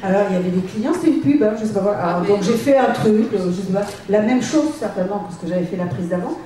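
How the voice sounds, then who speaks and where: A woman's voice: medium pitch, fast, a crowd in the background. Chatty woman singer in an echoey hall. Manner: laughing, chatty storytelling. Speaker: cartoon theme singer, guest. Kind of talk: anecdotal convention panel talk. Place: convention hall panel. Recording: echoey hall, distant mic.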